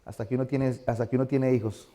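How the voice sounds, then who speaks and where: A man's voice: medium pitch, little pitch movement, quick pace, mellow. A middle-aged male pastor giving a conversational sermon in a church, asking the congregation questions.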